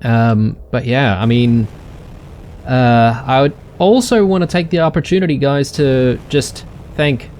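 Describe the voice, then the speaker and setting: A man's voice: medium pitch, a little slow, a little mellow, a little hiss or hum. A man hosting a let's play, chatting casually to viewers with many ums and uhs. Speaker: gaming channel host.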